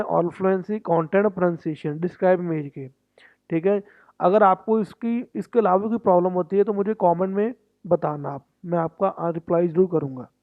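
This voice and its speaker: A man coaching students for an English test, explaining in a lesson and switching between Hindi and slow, deliberate English. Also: sits high, no room sound. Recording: tinny phone-like sound, dry.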